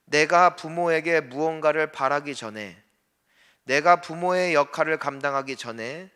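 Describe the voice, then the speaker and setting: Bright-voiced male pastor preaching in a church hall. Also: on the high side. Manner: earnest preaching with rhetorical questions to the congregation. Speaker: senior pastor. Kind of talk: sermon. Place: church sanctuary. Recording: long reverb of a church hall.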